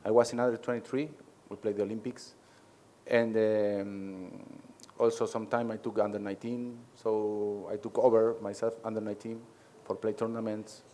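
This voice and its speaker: A native Spanish speaker from Argentina, this head coach replies to press questions in hesitant English with plenty of pauses. His lowish voice is warm and shows little pitch movement.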